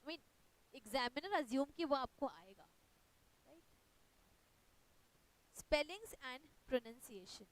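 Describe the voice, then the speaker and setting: A woman's voice: high voice, poor audio. A woman with an Indian accent teaching an online exam-prep lecture, explaining patiently in mixed Hindi and English and checking in with "right?".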